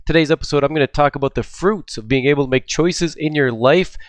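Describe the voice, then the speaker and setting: A middle-aged man hosts his own podcast in casual solo talk, chatty and upbeat with frequent ums, his voice sounding a little stuffed up. He speaks quickly at a fairly high pitch, and there's no room sound.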